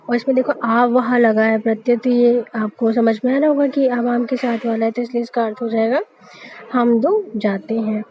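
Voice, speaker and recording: A woman teacher giving a recorded lesson, patiently sounding out words syllable by syllable. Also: on the high side. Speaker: school teacher. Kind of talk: recorded online class. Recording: dull lo-fi audio with faint noise.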